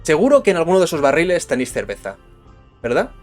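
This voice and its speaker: A man voicing a sly, untrustworthy traveler in a told myth, cocky and smooth-talking. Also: on the high side, wildly swooping pitch, fast talker, darkish tone, faint music behind, pitched above the performer's own voice.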